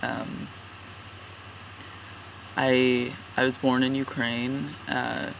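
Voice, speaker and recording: Young man, twenties, casual vlogger; halting and self-deprecating, slow delivery over a steady hum. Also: mid-range voice, vocal fry, low-quality recording. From California, USA. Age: 20s. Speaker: vlogger, regular channel contributor. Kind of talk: casual personal vlog.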